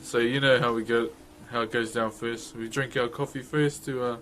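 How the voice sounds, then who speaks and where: A man's voice: medium pitch, steady tone, moderate pace, a bit bright, a little hiss or hum, rough recording. A man with a broad New Zealand accent chatting casually to viewers as a live streamer, laid-back and slangy. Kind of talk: casual livestream chat with viewers.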